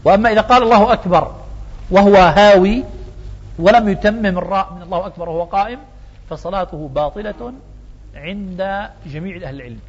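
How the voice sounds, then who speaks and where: Fast, high-voiced religious teacher, hall echo. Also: male voice. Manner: explanatory, asks rhetorical questions then answers them. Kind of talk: religious lesson explaining prayer rulings. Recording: dull lo-fi sound in a reverberant hall.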